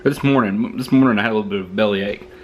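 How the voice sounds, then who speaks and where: A man's voice: on the low side, quick pace, muffled recording, slight background noise. A man with a Southern US accent, chatting through a rambling, joking food review at home, talking into a camera mic.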